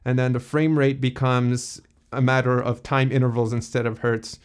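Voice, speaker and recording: A man hosting a casual software tutorial, explaining a plugin in a relaxed way with loose fillers. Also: medium pitch, moderate pace, clean tone. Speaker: tutorial host.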